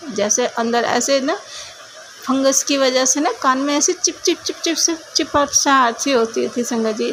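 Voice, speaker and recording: A middle-aged woman speaks in a fairly high voice. She tells her devotional testimony earnestly and keeps circling back to heartfelt thanks. A faint ambient hum sits under the recording. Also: fairly bright tone, rough recording. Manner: earnest and grateful, repeats thanks to her guru often.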